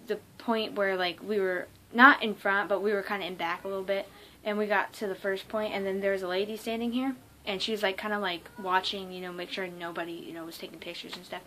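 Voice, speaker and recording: A young woman telling a casual vlog story, excited and rambling, with lots of ums and likes. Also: mid-range voice. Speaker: vlogger.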